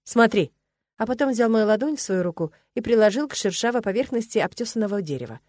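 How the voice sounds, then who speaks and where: A woman narrating a first-person story for an audiobook in an even, measured way. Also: fairly high pitch, no echo.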